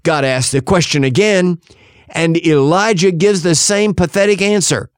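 A male pastor preaching a sermon, shifting dramatically between loud and hushed delivery. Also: high voice, normal speed, smooth, no room sound, clean studio sound.

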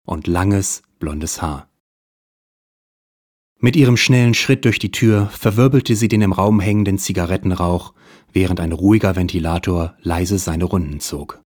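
A man narrating a noir parody audio play in a dry, deadpan manner. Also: sits low, no room sound.

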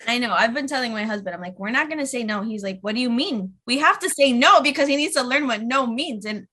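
A woman in her thirties chats on a podcast with a bright, forward tone and a voice sitting a little high. She rambles easily, piles on fillers, and acts out her own quoted thoughts as she tells them. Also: animated, fast. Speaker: speech therapist guest. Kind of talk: casual podcast chat.

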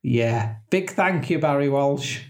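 A man's voice: medium pitch, animated, takes it slowly. Give me a man in casual podcast banter, joking and laughing as he goes. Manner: jokey, laughs at his own gags. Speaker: podcast co-host. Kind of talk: casual chat.

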